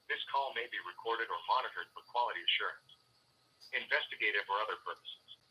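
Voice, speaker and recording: A man's recorded voice on an automated phone menu, heard through a phone line, announcing calmly and formally. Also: fairly low pitch, brisk. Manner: calm, even, formal announcing. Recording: distant phone line with faint hiss.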